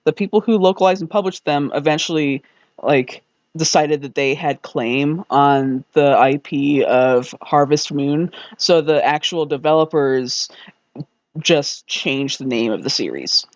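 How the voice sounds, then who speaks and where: A man's voice: on the high side, measured pace, no room sound. A man co-hosting a casual podcast from home over voice chat, explaining things at length with filler words. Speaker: podcast co-host. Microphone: desk mic over voice chat. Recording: dull, dry voice-chat audio.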